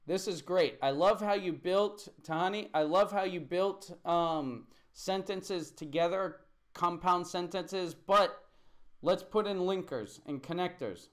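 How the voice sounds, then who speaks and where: A man's voice: high-pitched, unhurried. A man teaching English on a live stream, chatty and thinking aloud as he corrects a student's writing at his computer. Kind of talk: live-streamed online lesson.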